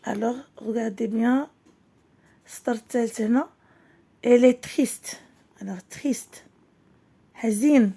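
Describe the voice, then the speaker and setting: A woman teacher with a Moroccan accent giving a reading lesson, reading slowly and clearly, then explaining quickly. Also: on the high side, dark tone. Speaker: primary school French teacher.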